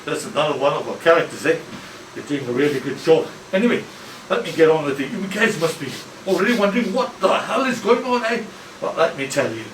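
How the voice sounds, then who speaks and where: A man hosts a comedic football academy promo, rambling, joking, and tripping over his own restarts. His voice sits fairly high. He is recorded from a distance in an echoey room, with faint ambience behind him. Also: animated, a little fast, background noise. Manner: rambling, stammering, jokey.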